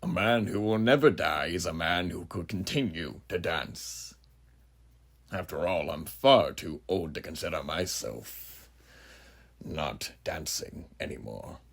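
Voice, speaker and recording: A man playing a huge, ageless, sinister judge who muses grandly and theatrically in a horror monologue, with a gravelly, breathy voice and rhetorical questions to the listener. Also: low voice, lively intonation, takes it slowly, a bit bright, heavily acted. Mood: ominous philosophizing. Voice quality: gravelly, husky, breathy at phrase ends. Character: huge ageless sinister philosophizing judge, menacing male drifter.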